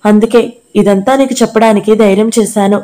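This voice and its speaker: A woman's voice: mid-range voice, fairly even intonation, brisk, mellow, close to an everyday voice. Woman reading as a sorrowful young dancer. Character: young woman dancer, gravely ill, secretive.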